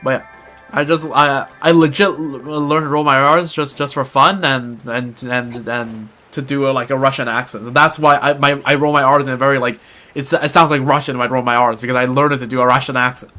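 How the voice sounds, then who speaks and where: Faint music plays behind a young streamer chatting casually during a gameplay livestream. His mid-range voice is steady, fairly quick, pushed and bright, and he rambles with many restarts and self-deprecating asides.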